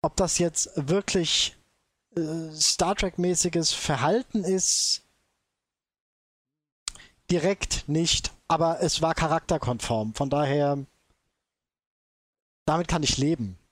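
Higher-voiced man, measured and hesitant. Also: dry recording. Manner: measured and hesitant, weighs his words. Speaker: podcast co-host. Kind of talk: casual discussion.

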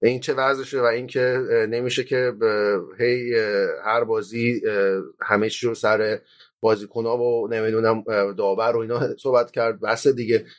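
A man giving casual football analysis on a podcast, often pausing with filler sounds and restarting his sentences. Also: lowish voice, flat delivery. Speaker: football pundit.

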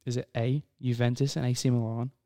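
Gravelly man hosting a quiz podcast. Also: medium pitch, little pitch movement, warm tone. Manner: joking, reads quiz questions with playful pauses. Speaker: podcast co-host and quizmaster. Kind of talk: casual chat.

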